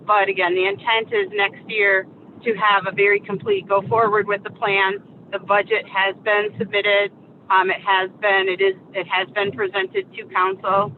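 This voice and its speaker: A woman's voice: level tone, moderate pace. A woman calling in by speakerphone while driving, giving a city official's update at a public meeting, with careful wording and frequent "um" fillers. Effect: speakerphone call from a moving car. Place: driving in a car. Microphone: phone on speaker. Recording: tinny phone line with faint car rumble.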